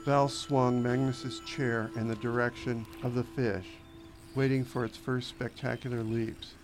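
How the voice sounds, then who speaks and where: A man reads fiction aloud in a measured, descriptive manner. His voice sits in an ordinary middle range. Steady music plays beneath the narration. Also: mid-range voice. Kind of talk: audiobook narration. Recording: narration over background music.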